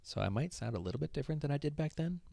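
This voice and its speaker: A young man hosting a livestream in casual chat, talking loudly and animatedly to his viewers, his voice worn. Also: a little high, rapid-fire, vocal fry. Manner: loud, animated, talks to chat. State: voice giving out. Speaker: livestream host.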